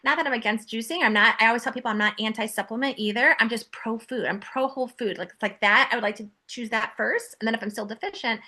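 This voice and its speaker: A woman in her forties, a podcast guest, telling her story in a chatty, animated way full of fillers. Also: on the high side, fast, few pauses. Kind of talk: casual interview chat.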